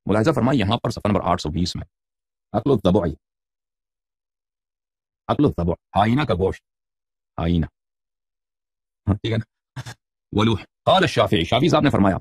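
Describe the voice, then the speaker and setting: A man's voice: lowish voice, breathy edge. A middle-aged man giving a religious lecture, reading Arabic book titles and explaining them in Urdu, asking his listeners questions, with a mocking edge. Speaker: religious debater.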